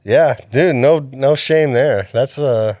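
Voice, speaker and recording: A man's voice: mid-range voice, slow pace, a little mellow, no room sound, clean studio sound. A man in his thirties co-hosting a podcast in casual chat, rambling and laughing often. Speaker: podcast co-host.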